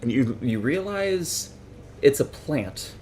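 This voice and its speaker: A man running a tabletop role-playing game as game master, calmly calling rolls and rulings. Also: mid-range voice, slow pace, a little hiss or hum. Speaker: dungeon master.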